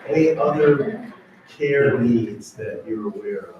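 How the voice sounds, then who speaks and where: A man speaks in a medium voice, friendly and halting, while making announcements and introducing a guest. He is heard from a distance in a very echoey hall, with clear background noise. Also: medium pitch, lively intonation, dull audio. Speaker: program host introducing a guest. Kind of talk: casual announcements. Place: church hall.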